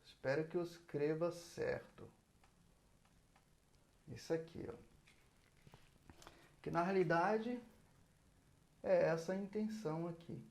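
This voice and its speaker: A man's voice: a little high, slow pace, gravelly, pauses often, darkish tone. Patient man singing out rhythm syllables. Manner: explains patiently, sings out rhythm syllables, says "ó" often. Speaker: saxophone teacher. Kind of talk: casual spoken music lesson.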